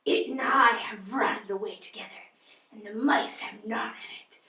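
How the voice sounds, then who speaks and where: A woman's voice: mid-range voice, moderate pace, sharp tone, distant mic, close to an everyday voice. A woman playing a bitter old spinster, whispery. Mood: gloomy. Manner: theatrical, scornful. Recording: echoey room, off-mic.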